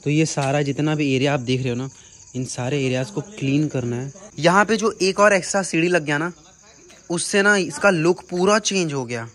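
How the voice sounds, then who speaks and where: A man's voice: a little high, normal speed, a bit bright. A young man, vlogging casually to camera and teasing his siblings. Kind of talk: casual vlog narration.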